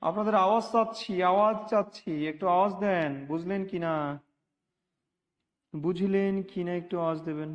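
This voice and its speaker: High-voiced man teaching, lo-fi echo. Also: fairly even intonation, moderate pace. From Bangladesh. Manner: repetitive, asks students for responses. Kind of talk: online class lecture. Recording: dull lo-fi audio with long reverb.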